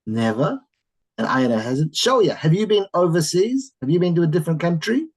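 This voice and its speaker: A teacher running an online English class for children over a video call, animated and encouraging, often exclaiming in surprise. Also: medium pitch, moderate pace, husky, rough recording.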